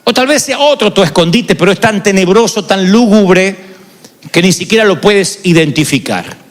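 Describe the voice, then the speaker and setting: A man's voice: sits high, expressive, moderate pace, long reverb tail. A male pastor preaching a sermon, confessional and dramatic in his storytelling. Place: large church arena.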